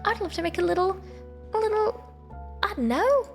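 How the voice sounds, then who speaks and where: A woman streamer chatting casually in a sleepy, soft, meandering way. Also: very high voice, expressive, normal speed. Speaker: live streamer. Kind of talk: casual rambling livestream chat. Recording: soft background music. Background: quiet background music.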